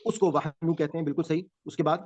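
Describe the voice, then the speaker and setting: A man's voice: on the high side, steady tone, darkish tone. A man teaching a Quran translation class over a video call, patiently explaining word meanings and quizzing his students. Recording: muffled video call audio.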